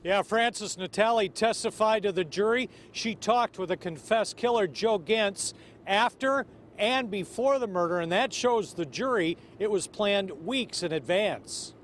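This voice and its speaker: A man's voice: high-pitched, measured pace. An American man reporting live for television news from outdoors downtown. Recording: faint outdoor street noise.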